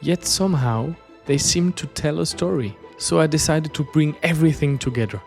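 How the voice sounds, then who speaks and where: Over soft background music, a Swiss man from the French-speaking region tells the story of his journey as an artist, in scripted, thoughtful narration. His voice sits a little high and is creaky yet slightly mellow, at a moderate pace. He is a native French speaker with a Swiss French accent, and his manner is reflective and storytelling.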